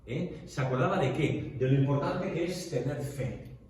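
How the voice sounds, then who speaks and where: A man teaches an informal Bible class in Spanish, chatting with the group, posing questions, and leaning on frequent filler checks. His voice is medium-pitched and darkish at a normal speed, and the echoey recording from a distant mic carries a little hiss or hum.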